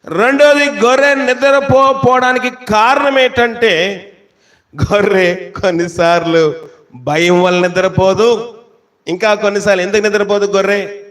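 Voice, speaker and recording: A man with a high voice preaching a sermon. He keeps asking his listeners questions, then slows right down to quote scripture with heavy emphasis. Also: fairly bright tone. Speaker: pastor.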